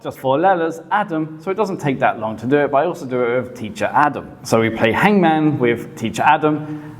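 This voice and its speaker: A man who teaches English, casually explaining teaching tips in a relaxed, conversational way with frequent hedges. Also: mid-range voice. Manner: relaxed and conversational, often hedging. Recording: long reverb, hall-like echo.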